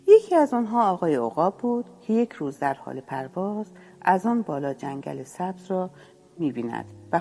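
Woman storyteller for a children's tale, low and warm, expressive reading over soft music.

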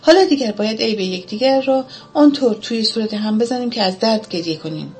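A woman's voice: a little high, expressive, darkish tone, faint music behind. A woman voicing a small, outspoken female violet flower who mocks and lectures. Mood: lecturing. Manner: mocking, outspoken.

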